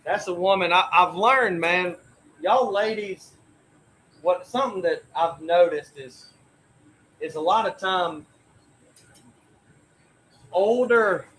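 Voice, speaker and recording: A young man chatting casually, his voice pitched high and bright. He rambles through family stories with frequent restarts and lively asides. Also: slow pace, pauses often, slightly rough, poor audio. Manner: rambling, animated storyteller with many restarts. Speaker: coffee roaster host. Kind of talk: casual storytelling chat.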